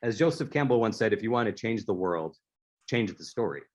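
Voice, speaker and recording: A man's voice: lowish voice, animated, a little fast. A man speaking as an author, giving a prepared talk and telling stories, with a few restarts. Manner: storytelling, with some restarts. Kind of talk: prepared speaker-series presentation.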